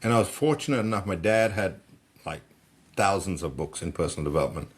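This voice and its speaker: A middle-aged man from Malaysia speaks in a fairly low voice as a podcast guest. He tells stories with animation and keeps restarting words as he gets excited. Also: brisk, breathy edge. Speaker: guest, personal development coach. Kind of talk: conversational storytelling.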